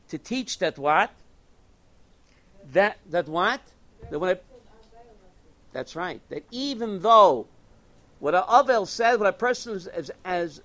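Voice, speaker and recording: A man with a notably high voice teaches a religious class. He talks in an animated way, repeats his key phrases and poses questions that he answers himself.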